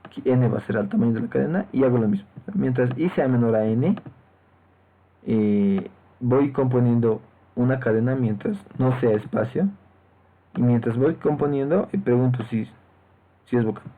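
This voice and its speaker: A man walks students through code in a screen-recorded lesson, talking at a middle pitch. He explains each step and keeps checking in with short tag questions. His voice comes through a thin, phone-like microphone. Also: moderate pace. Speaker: programming teacher. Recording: tinny lo-fi phone-like mic.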